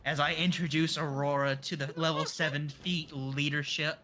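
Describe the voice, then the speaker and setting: A man's voice: on the high side, little pitch movement, normal speed, pushed and bright, a little hiss or hum. A man narrating casually as game master of a tabletop role-playing game, improvising as he goes.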